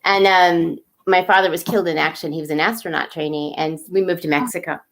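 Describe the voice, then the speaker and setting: A woman in her fifties, a guest in a casual video chat, relaxed and storytelling with easy laughs. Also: fairly low pitch, brisk.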